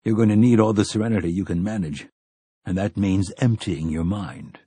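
Grim weathered gunslinger, read by a man: low, husky, slow and clipped, every word an order. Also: mellow, no room sound. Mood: stern.

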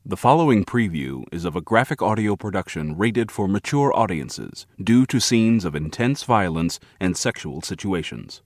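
A man's voice: deep voice, sing-song, normal speed, few pauses, no room sound, studio quality. A man reading a scripted content warning as an announcer.

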